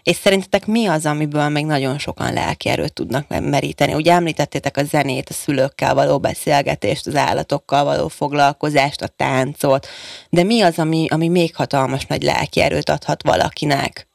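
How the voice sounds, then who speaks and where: A woman's voice: deep voice, steady tone, creaky, dry recording. A woman hosting a radio talk show from a studio microphone, encouraging her young guests and summing up their answers before asking more. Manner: encouraging, sums up answers and asks follow-up questions. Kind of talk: radio interview with school pupils.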